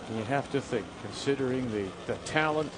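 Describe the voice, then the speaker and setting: A man's voice: medium pitch, brisk. A man giving live play-by-play commentary on a curling match. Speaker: sports commentator. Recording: noisy arena behind broadcast commentary.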